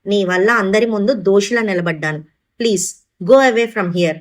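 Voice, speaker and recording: ఒక మహిళ చదివే కటువుగా మాట్లాడే యువతి. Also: female voice, mid-range voice, a little slow, lightly acted. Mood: scornful. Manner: scolding, cutting retorts. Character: sharp-tongued young woman, mistress, scornful.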